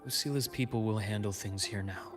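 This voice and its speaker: A secretive male informant in a video game, voiced by a man, speaking in a low, even register. He lays out plans slowly and deliberately, every line grave and measured. Faint game music sits underneath. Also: close to an everyday voice.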